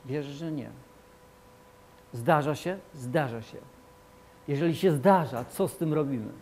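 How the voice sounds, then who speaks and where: A man preaching a sermon as pastor, emphatic and repetitive, swinging between loud declarations and quiet asides. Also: on the high side, unhurried, slight background noise.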